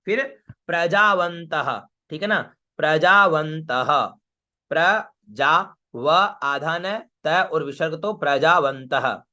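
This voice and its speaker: A man teaching a Vedic chanting class online, chanting verses slowly and then patiently explaining each syllable's pitch, with frequent check-ins. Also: lively intonation, pushed and bright. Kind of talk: online class, recitation lesson.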